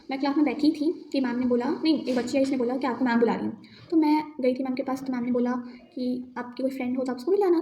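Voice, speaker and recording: A teenage girl telling a school story in a chatty, animated vlog. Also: high-pitched. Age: teens. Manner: chatty, animated retelling, quick to anger. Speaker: vlogger. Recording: echoey room with faint noise.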